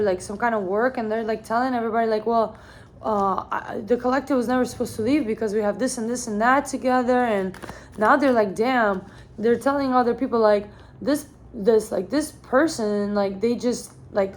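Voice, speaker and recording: A woman's voice: fairly high pitch, slight background noise. A young woman doing a channeled tarot reading in a casual, blunt way, full of "like" fillers and swearing. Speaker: tarot reader.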